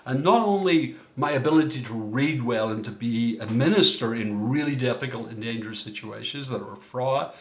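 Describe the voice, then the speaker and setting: A middle-aged Irish coach with a medium-pitched voice speaks at a moderate pace in a recorded workshop talk. He's reflective and often searches for his words, and the recording has a roomy echo.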